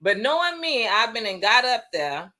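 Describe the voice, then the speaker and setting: A woman hosting a casual talk show, chatting in a slangy, animated way and reading out listener comments. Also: fairly high pitch, moderate pace. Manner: animated, slangy, acts out quoted friends. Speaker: host.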